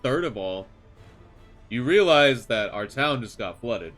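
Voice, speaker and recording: A man's voice: mid-range voice, expressive, a little slow, fairly bright tone, faint music behind. A man voicing an older male innkeeper in a tabletop game, stammering and hesitant at first, then blunt.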